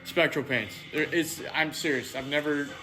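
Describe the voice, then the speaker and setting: A man's voice: fairly high pitch, steady tone, moderate pace, reverberant, music in the background, low-quality recording. A man talking casually through a respirator mask as he spray paints in his home shed, showing how a job is done. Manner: laid-back, enthusiastic shop talk. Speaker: DIY vlogger.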